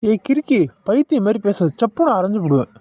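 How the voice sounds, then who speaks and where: Guy doing a caring cartoon husband, fairly high voice, coaxing, kinda lo-fi. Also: big pitch swings, fast, no room sound. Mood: comforting. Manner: comforting, coaxing, affectionate scolding. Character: young husband Aravind, protective and soothing. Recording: dull lo-fi sound.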